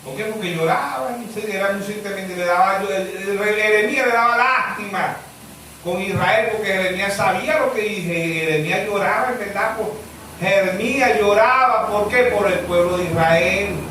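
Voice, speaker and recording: Zulian pastor preaching in an echoey hall. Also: male voice, moderate pace, slight background noise. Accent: Zulian Venezuelan Spanish. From Venezuela. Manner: preaching with sudden high shouted questions and low muttered asides. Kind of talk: sermon. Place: church hall. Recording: echoey church hall, mic far off.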